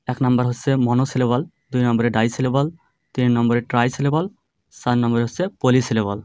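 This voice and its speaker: A man teaching an online grammar lesson, explaining patiently and drawing words out slowly, syllable by syllable. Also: medium pitch, mellow, dry recording, studio quality. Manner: slow, drawn-out syllable-by-syllable demonstrations; patient, explanatory classroom delivery.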